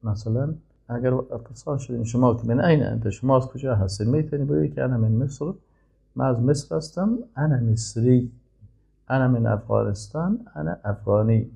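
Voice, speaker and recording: A man teaching an Arabic grammar lesson. He reads Arabic sentences slowly and then explains them. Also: mid-range voice, creaky, warm tone, slightly rough. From Afghanistan.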